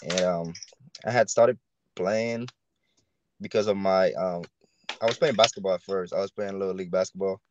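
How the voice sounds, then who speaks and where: Speaking low with fairly even intonation, this young adult guest from Haiti, who punts for a college football team, talks casually over a video call. He stumbles through many fillers and restarts. The dull, lo-fi call audio carries a little hiss or hum.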